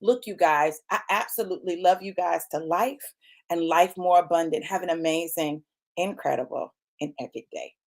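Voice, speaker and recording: With a lowish, darkish voice at a moderate pace, a woman in her late fifties preaches motivationally, driving points home through repetition and emphasis while calling people "y'all" and "baby."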